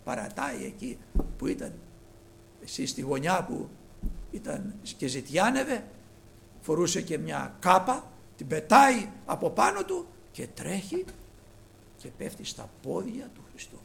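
A man preaching a sermon, retelling scripture dramatically and swinging between loud and hushed delivery. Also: high voice, wildly swooping pitch, creaky, long pauses, slight background noise.

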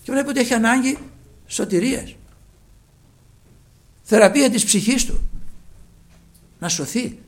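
A man preaching a sermon with fervour, his phrases often sinking to a hushed, low close. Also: animated, pauses often.

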